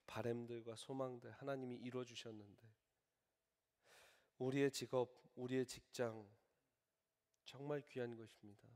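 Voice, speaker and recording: A male pastor preaching a sermon, lively and acting out little scenes of dialogue in different voices. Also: medium pitch, normal speed, pauses often. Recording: long reverb of a large church hall.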